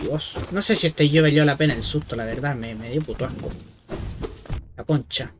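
A man's voice: mid-range voice, fast talker, slight background noise. A man doing casual let's-play commentary like a scared horror game streamer, jumpy and swearing freely. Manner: foul-mouthed. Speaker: gaming streamer.

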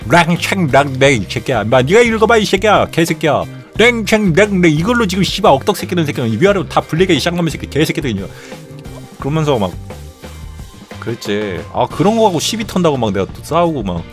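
Animated, swearing middle-aged male streamer. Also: a little high, fairly quick, soft background music. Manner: profane, animated storytelling with constant swearing. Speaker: streamer host. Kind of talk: casual live-stream chat.

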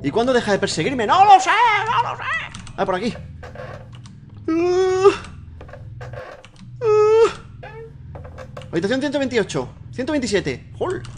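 A man with a Spain Spanish accent doing excitable horror game let's play commentary at a desk mic, swearing and shrieking when startled. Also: very high voice, unhurried, pauses often, noisy background. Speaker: gaming YouTuber. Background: game music and keyboard typing.

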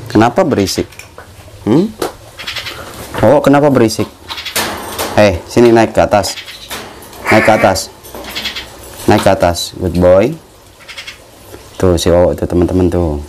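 Young man, low voice, casual vlog chat, coaxing birds, noisy phone recording outdoors. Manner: chatty, talks to birds in a coaxing voice. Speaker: vlogger and bird keeper. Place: outdoors among bird cages. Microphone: phone camera. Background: birds chirping.

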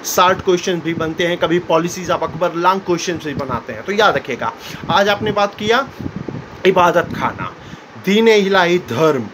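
Guy with a high voice teaching a history class, keeps asking clear?, bit of noise behind. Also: animated, moderate pace. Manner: explanatory, keeps asking "clear?" and acts out quotes. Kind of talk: school history lesson.

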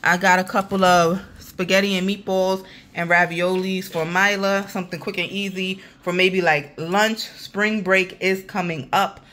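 A woman talks chattily and casually to her viewers. Her voice sits fairly low. It is recorded on a handheld phone in an apartment kitchen. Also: steady tone, measured pace, hardly any pauses, a bit bright. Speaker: vlogger. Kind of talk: casual grocery haul vlog. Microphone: handheld phone camera.

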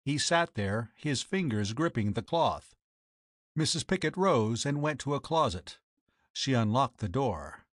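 A man reading a mystery story aloud in a steady, measured way as audiobook narrator. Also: medium pitch, no room sound, clean studio sound. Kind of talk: scripted narration.

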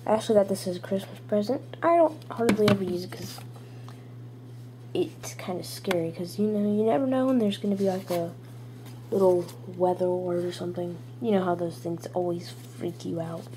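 This gadget review comes from a young person, child or teen, whose medium-pitched, mellow voice moves a little fast in an informal, rambling way. Recorded at home in a small room through a handheld camera's built-in mic, the sound is noisy and clicky.

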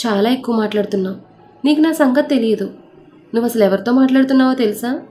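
A woman's voice: high-pitched, fairly quick, mellow, faint music behind, natural voice. A woman storyteller voicing a rich, arrogant young man who teases, then makes blunt proposals. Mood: menacing.

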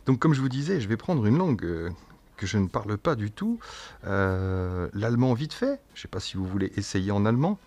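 A man casually demonstrating a gadget as a tech reviewer, chatty and jokey, and speaking his test phrases slowly and clearly. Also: fairly low pitch, very animated, darkish tone. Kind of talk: casual product demo.

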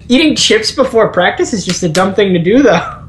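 A man's voice: high-pitched, animated, normal speed, slight background noise. Giggly rambling young man gaming. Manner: rambling, giggly, lots of fillers. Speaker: gamer. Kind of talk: casual chat while gaming.

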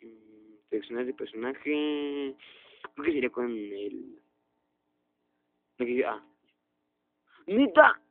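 Excitable young man, tinny lo-fi sound. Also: slow, vocal fry, long pauses, dry recording. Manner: excitable, jumps to loud high outbursts. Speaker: gaming youtuber. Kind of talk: let's play commentary. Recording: tinny lo-fi phone-like audio.

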